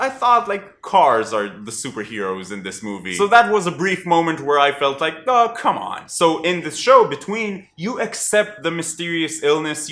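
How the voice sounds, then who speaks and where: A man chatting through a casual TV review vlog in a wry, animated way. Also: fairly high pitch, roomy sound. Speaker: TV review vlogger.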